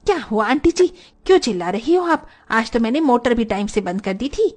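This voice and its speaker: A woman voicing a cheeky young woman tenant in an animated story, talking back in a mocking way. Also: fairly high pitch, a little fast, lightly acted. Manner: sassy, mocking.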